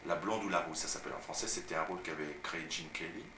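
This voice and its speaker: A young French actor from Paris telling stories of his career in a relaxed, chatty way, recorded on home video. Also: sits low, quick pace. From France. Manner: chatty storytelling, frequent "tu vois". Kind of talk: casual interview at home. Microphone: far camera mic. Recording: roomy, distant, noisy home video.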